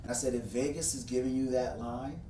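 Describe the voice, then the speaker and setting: A man's voice: mid-range voice, steady tone, a little fast, dark tone, echoey room, distant mic, slight background noise. A man co-hosting a casual sports talk show, teasing and boastful in his banter. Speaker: co-host.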